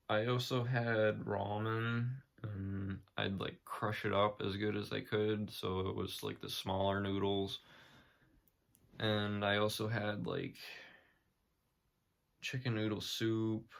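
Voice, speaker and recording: A young man with a fairly low, gravelly voice talks casually to his vlog audience. His delivery is very flat and matter-of-fact, with hesitant, unscripted phrasing. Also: takes it slowly. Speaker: vlogger sharing personal recovery experience.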